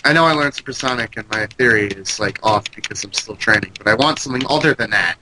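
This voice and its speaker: Playing a video game alongside a friend, this congested let's play co-host keeps up casual, joking, profanity-laced commentary. He talks fast in a fairly low voice over a noisy background, with loud computer keyboard typing behind him.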